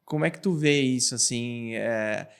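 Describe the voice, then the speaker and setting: A man's voice: medium pitch, moderate pace, clean tone. A man hosting a podcast, asking long, rambling questions full of fillers. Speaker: podcast host. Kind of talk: casual podcast interview.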